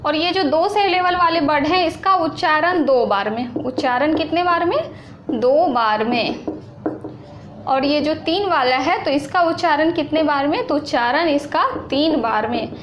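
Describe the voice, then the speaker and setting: A woman teaching an exam-prep lesson, explaining slowly and repeating points, asking questions and answering them herself. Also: sits high, highs cut off. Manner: slow, repetitive explaining with questions to students. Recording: echoey room with faint noise.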